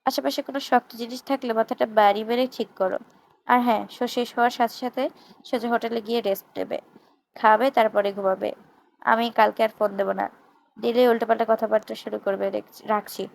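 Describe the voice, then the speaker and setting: A level-headed young wife scolds her husband in a dry, matter-of-fact way, as a woman storyteller reads her. The voice is a little high with some gravel. It is a storybook reading. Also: fairly even intonation, a little fast, a little hiss or hum, rough recording.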